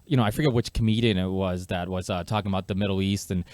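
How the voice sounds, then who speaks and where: A man's voice: low voice, steady tone, quick pace, a little mellow, no room sound. Chatty podcast host man, dry sound. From Portugal. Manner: chatty, loose. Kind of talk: casual podcast conversation.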